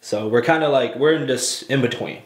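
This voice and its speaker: A man's voice: medium pitch, fairly quick. Guy on an anime chat show, blunt and jokey, does silly voices, kinda echoey room. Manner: animated, blunt, acts out characters with jokey voices. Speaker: co-host of an anime review show. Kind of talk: casual chat. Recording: roomy echo.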